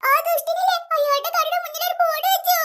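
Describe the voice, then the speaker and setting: A woman's voice: extremely high pitch, steady tone, fairly quick, fairly bright tone, a little hiss or hum. A woman voicing a tearful little girl in a cartoon serial, who explains her troubles through sobs. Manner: sobbing while she explains.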